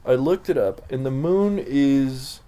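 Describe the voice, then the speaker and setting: A man's voice: mid-range voice, takes it slowly, warm tone. A young man co-hosting a podcast in casual chat, rambling with many fillers and crude jokes. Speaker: podcast co-host.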